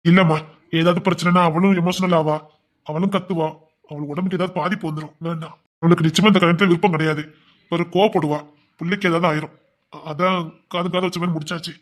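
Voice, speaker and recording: A man's voice: high-pitched, fairly even intonation, fast, lightly acted. An actor playing a grown son who brushes off his mother's worries in a TV serial. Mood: reassuring.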